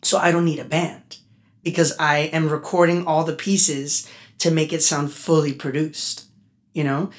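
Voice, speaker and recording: A man, a musician guest on a casual podcast interview, talking in an animated, chatty way that turns heartfelt. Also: a little high. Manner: animated, talkative, gets emotional.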